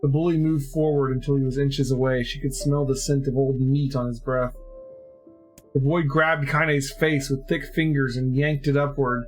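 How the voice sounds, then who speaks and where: A streamer reads a story aloud in a steady, measured voice. His pitch sits in the middle range, and faint music plays underneath. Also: low-quality recording. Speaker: streamer reading game story.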